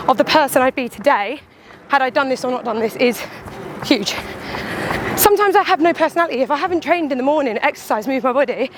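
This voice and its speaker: A woman with a high voice chats to the camera while running outdoors. Her delivery is candid and animated, a casual vlog monologue that slips into little imagined quotes. Faint traffic and ambient noise sit behind her. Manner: talking while out on a run. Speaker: runner and vlogger.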